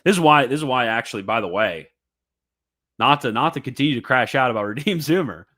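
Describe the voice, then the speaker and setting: A man's voice: medium pitch, animated, a little fast, fairly bright tone. A man giving fervent, emphatic commentary, reading a religious text aloud and reacting with repetition and mocking asides.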